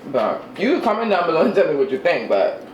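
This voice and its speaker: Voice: mid-range voice, sing-song, fast, muffled recording. A vlogger chatting casually while eating on camera, with chewing sounds and a chatty, self-deprecating manner. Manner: eats while talking, with chewing and mm-hmm sounds. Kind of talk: casual eating vlog chat. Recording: roomy with faint ambient noise.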